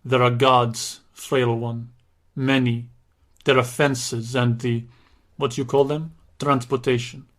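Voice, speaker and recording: A man voicing a huge, menacing female prisoner with a very deep voice, speaking broken words in a thick foreign accent in an audiobook. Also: level tone, takes it slowly, fairly bright tone. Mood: grim. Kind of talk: audiobook character voice.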